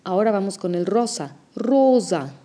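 A woman teaching an audio language lesson, explaining pronunciation slowly and carefully. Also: mid-range voice, animated, dark tone.

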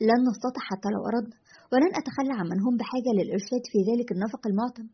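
A woman's voice: fairly high pitch, rapid-fire, slight background noise, close to an everyday voice. A woman voicing a weary, cynical male radio host who speaks in a grim, detached way. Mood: defiant. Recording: dull lo-fi recording.

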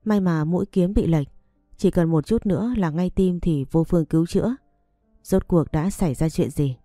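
A woman reading the lines of a calm, firm young male noble in a measured, gentle way. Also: fairly low pitch, no room sound, natural voice. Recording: dry close recording, faint music behind.

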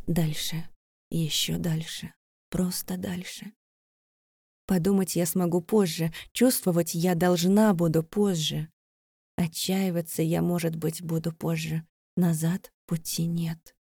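A woman's voice: on the low side, dark tone, no echo, clean studio sound. A woman narrating a first-person fantasy audiobook in a tense, breathless, dramatic way.

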